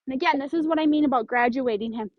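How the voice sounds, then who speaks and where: A woman's voice: sits high, fast, no room sound, lo-fi sound. A woman dog trainer explaining leash handling step by step, giving firm short commands to a dog. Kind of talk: instructional demonstration.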